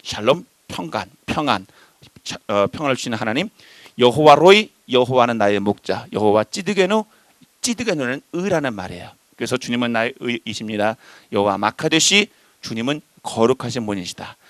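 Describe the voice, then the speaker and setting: A man preaching a sermon, animated and emphatic, addressing the congregation directly. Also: moderate pace, no echo. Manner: animated, voices shifting pitch and loudness for emphasis.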